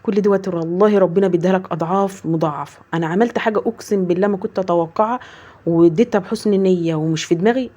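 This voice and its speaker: Egyptian woman, very fast talker, mellow dark tone, earnest chat, slightly dull lo-fi sound. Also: lowish voice. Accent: Egyptian Arabic. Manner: earnest, swears oaths often, retells dialogue in quick bursts. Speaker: mother vlogger. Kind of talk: heartfelt casual chat to viewers.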